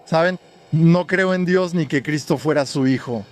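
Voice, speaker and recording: A man interviews passers-by on the street, asking probing and deliberately provocative questions. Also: on the high side.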